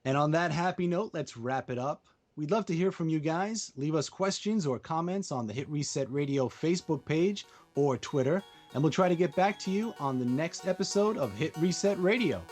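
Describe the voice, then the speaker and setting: A man's voice: a little high, animated, moderate pace, a little mellow, soft background music. A man co-hosting a podcast in casual chat, joking and reacting with animation. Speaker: podcast co-host.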